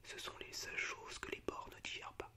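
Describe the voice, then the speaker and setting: Film monologues are recited here in a soft, breath-heavy, unvoiced whisper by a male ASMR host. He speaks slowly and hesitates slightly now and then.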